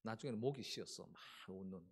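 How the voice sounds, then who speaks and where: Man, pastor, Sunday sermon, animated storytelling, very lively pitch. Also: quick pace, gravelly. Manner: animated storytelling with acted voices.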